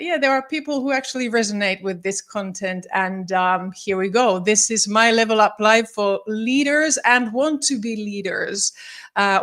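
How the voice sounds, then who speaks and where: A psychologist and leadership coach from Finland, in her forties, delivers a live-streamed talk at medium pitch with a fairly bright tone. Many ums and restarts pepper her friendly, somewhat formal speech.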